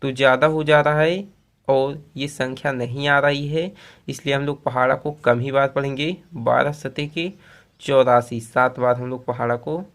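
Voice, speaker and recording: A man's voice: medium pitch, steady tone, normal speed, fairly bright tone. Patient man teaching division. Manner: patient, repeats points, addresses viewers as friends; recites multiplication tables in a sing-song rhythm. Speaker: math teacher. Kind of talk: explaining long division step by step.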